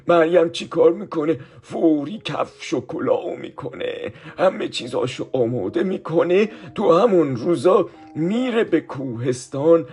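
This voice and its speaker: A man's voice: medium pitch, a little mellow, husky. A man telling a Bible story to children, explaining each verse again in simple words and often turning to the children with asides.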